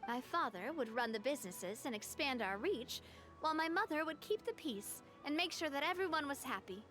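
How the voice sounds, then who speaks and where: A confident young heiress, leader of her late father's family organization, is voiced by an actress speaking frankly and easily in a game cutscene. Her high voice is expressive, brisk and fairly bright, with faint music in the background.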